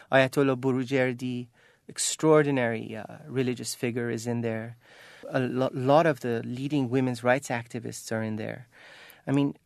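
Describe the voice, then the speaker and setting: An Iranian-American author appears as an interview guest, speaking earnestly and with passion in a gravelly, mid-range voice. He frequently restarts his sentences and leans on "you know." The recording is studio quality with no echo.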